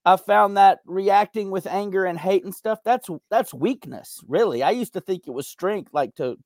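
A man's voice: high voice, moderate pace, a little mellow, no room sound, studio quality. A young man being interviewed as a podcast guest, talking in an earnest, reflective way with lots of "you know.". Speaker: podcast guest, veteran and content creator. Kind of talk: candid conversational interview.

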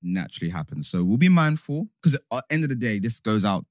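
A young man with a London roadman accent speaks in a lowish voice, recorded close and dry. He chats like a podcast co-host among friends, slangy, laid-back and unfiltered. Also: sing-song, quick pace, no room sound. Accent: London, urban roadman slang. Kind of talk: casual, unfiltered group chat.

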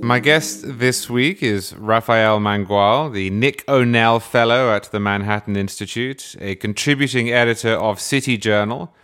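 Delivering a scripted comedic monologue ahead of a guest interview, this male podcast host adopts a dry, verbose, faux-grand style. His medium-pitched voice is clear and resonant, with a fairly bright tone.

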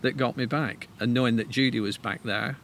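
A man's voice: medium pitch, steady tone, a little fast, a bit bright, slight background noise. A man, a tree expert, telling stories eagerly with frequent restarts. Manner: enthusiastic, stammering restarts. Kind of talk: casual conversation.

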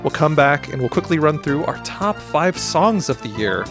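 A man hosts a music podcast with casual enthusiasm. His voice is a little high, with faint music behind. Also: sing-song, normal speed. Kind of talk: casual chat.

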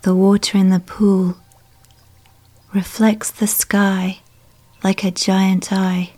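A woman guiding a relaxation exercise in a soft, hushed voice that often drops to a whisper. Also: medium pitch, flat delivery, takes it slowly. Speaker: meditation guide. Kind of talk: guided relaxation narration.

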